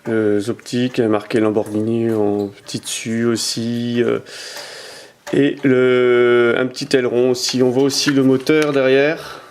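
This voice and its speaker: At home, a man who collects toy cars reviews his collection for a camera in casual unboxing commentary, turning each piece toward the lens and sometimes drifting away from the mic. His speech is hesitant, full of "euh" fillers and repeated words, at a medium pitch and level tone. A slight hiss or hum sits in the recording.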